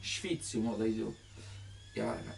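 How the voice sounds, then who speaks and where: A man's voice: lowish voice, fairly quick, creaky, distant mic, a little hiss or hum. A man with an Italian accent, a native Italian speaker, explains song lyrics as a language teacher, in simple broken phrases and with sung examples.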